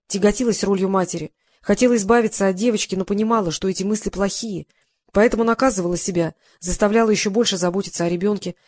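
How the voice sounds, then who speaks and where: A woman narrates a detective story in the first person, with ironic and lively delivery. Her voice sits at a middle pitch. The recording is dry and close, with no room sound. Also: dry recording. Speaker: audiobook narrator.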